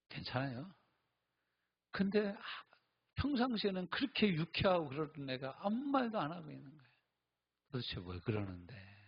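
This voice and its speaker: A man's voice: mid-range voice, husky, highs cut off. A middle-aged male pastor preaching at a Friday night service, telling stories with acted-out voices. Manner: animated storytelling, acts out quoted voices and laughs.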